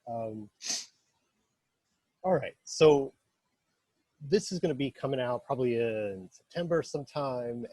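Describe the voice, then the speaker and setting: Husky, mellow-voiced man hosting an interview. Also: medium pitch, no echo. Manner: friendly, quizzing with quick either-or questions. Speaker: interview host. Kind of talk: casual interview chat.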